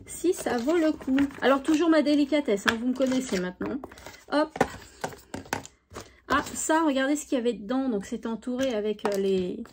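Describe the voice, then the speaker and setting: Chatty high-voiced woman showing crafts. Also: moderate pace, background noise. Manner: chatty and enthusiastic, many fillers. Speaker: craft YouTuber. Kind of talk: casual product show-and-tell.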